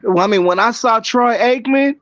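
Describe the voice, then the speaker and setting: A man's voice: very high-pitched, moderate pace, a bit bright, dry recording, dull audio, faint music behind. A man in casual sports chat, talking emphatically and repeating himself for effect, on a remote call mic.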